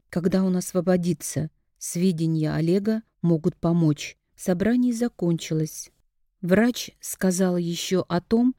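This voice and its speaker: A woman reading a novel aloud in an even, measured way. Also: sits low, no room sound, clean studio sound. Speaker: audiobook narrator. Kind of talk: scripted narration.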